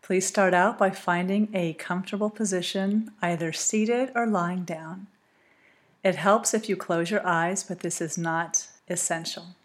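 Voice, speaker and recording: A woman reading a calm, scripted guided relaxation, speaking slowly and soothingly with long pauses. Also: fairly low pitch.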